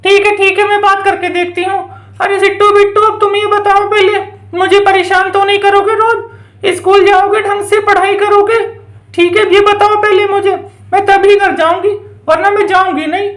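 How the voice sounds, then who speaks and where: A woman's voice: very high voice, little pitch movement, normal speed, fairly bright tone, roomy sound. A woman voicing a stubborn village mother in a toy doll story, scolding and bargaining.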